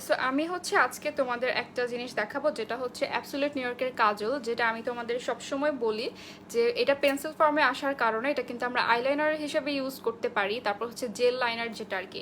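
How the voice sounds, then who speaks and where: A woman's voice: a little high, fast talker, fairly bright tone, slight background noise. A young woman from Bangladesh, a makeup artist, chatting through a live makeup tutorial, greeting viewers by name and mixing in English phrases.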